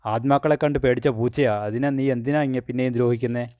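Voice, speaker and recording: A man's voice: medium pitch, steady tone, fast, a little mellow, dry recording, close to an everyday voice. Man voicing a superstitious, scolding old grandmother in a storybook reading, close and dry.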